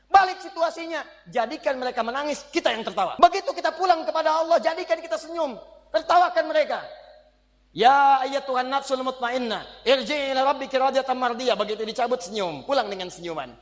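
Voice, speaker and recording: A man preaches a sermon in a high voice, moving from hushed pleading to sharp exclamations. His voice carries a long reverb, as if recorded in a large hall.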